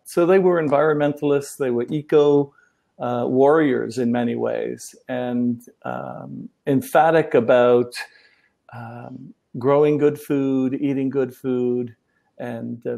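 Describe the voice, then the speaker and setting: A middle-aged man from Wales, a relationship coach, giving thoughtful interview answers with many pauses and restarts. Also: medium pitch, vocal fry, mellow.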